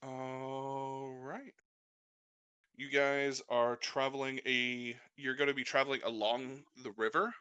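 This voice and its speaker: Guy running a tabletop game, bit halting, bright voice, dry close sound. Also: mid-range voice, clear, resonant tone, no echo, muffled recording. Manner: relaxed, hesitant, many fillers. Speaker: game master.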